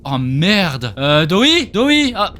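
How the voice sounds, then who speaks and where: A man's voice: high-pitched, very slow, slight background noise. A man hosting a let's play video, reacting to a horror game with yelps, swearing and running commentary. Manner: excitable, swearing, yelping reactions. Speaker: gaming video host. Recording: gameplay audio with loud music behind.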